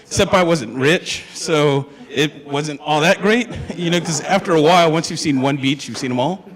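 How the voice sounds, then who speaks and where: A man's voice: on the high side, normal speed. A young man from Hawaii, a student, telling his story to an audience in a chatty, joking way and asking them questions. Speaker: student speaker. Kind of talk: humorous personal storytelling talk. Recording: long hall reverb.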